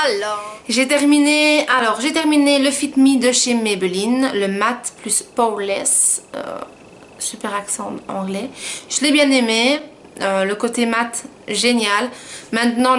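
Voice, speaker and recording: A woman's voice: fairly high pitch, fairly bright tone, a little hiss or hum. A woman chatting through a casual beauty product review, rambling and poking fun at herself. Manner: chatty, rambling, self-mocking. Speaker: beauty vlogger.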